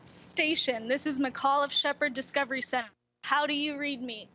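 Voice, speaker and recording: A woman's voice: high voice, steady tone, moderate pace, bright, forceful tone, slight background noise. A woman representing a science center, delivering a scripted, formal speech at an event. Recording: dull, band-limited event audio feed.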